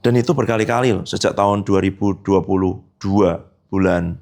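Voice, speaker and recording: A man's voice: normal speed, gravelly, darkish tone. A middle-aged male pastor giving a conversational sermon, telling stories and acting out the dialogue in them. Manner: storytelling, acts out quoted dialogue with big pitch swings.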